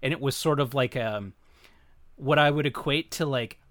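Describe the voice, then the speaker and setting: A man's voice: medium pitch, moderate pace, fairly bright tone, no room sound. A man in casual chat, joking and teasing, often breaking into laughter.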